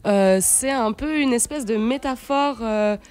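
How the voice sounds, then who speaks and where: A radio studio guest, she's a singer-songwriter in her late 20s who grew up in Switzerland and then spent her teens in Brazil. She chats casually, searching for words, in a fairly high, clear, resonant voice that's a little mellow and unhurried, captured close on a stand-mounted studio mic.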